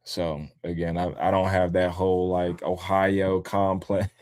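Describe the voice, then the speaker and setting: A man who was born in upstate New York and raised in the DC area, hosting a casual livestream talk. He is loose and profane, and he mocks other people in high squealing voices. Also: level tone, measured pace, darkish tone. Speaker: livestream host. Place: home in Columbus, Ohio.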